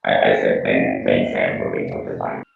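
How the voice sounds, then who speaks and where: A man's voice: a bass voice, little pitch movement, moderate pace, gravelly, very echoey, distant mic, narrow, tinny audio, faint music behind. A man in an online meeting whose speech comes through as robotic, bitcrushed call audio; he halts and repeats his words. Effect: robotic, bitcrushed, glitching call audio. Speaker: meeting participant. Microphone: video call.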